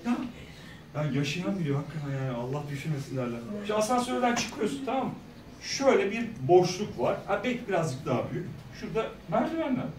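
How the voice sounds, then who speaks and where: A middle-aged man speaking as a guest at a school career day, telling stories in a lively way and acting out the people he quotes. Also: high-pitched, fast talker, a little hiss or hum. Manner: animated, acts out quoted voices, jokes with the audience. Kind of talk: lively storytelling talk to students. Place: large echoey school hall. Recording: echoey hall, speaker far from mic.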